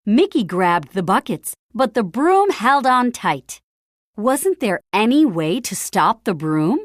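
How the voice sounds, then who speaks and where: The narrator, a woman with a mid-range voice, reads a children's story in an energetic, melodic style. Her pace is measured and a touch slow, she punches key phrases for dramatic emphasis, and the audio stays dry with no echo from the room.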